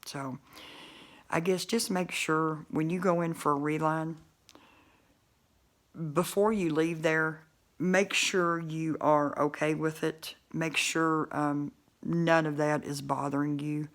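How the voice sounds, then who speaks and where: Woman, gravelly voice, talks thick through a bulky denture, loose and rambling. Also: sits low, steady tone, slow. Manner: rambling, many fillers and restarts. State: speech muffled by a bulky denture. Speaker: vlogger. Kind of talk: casual talk to camera.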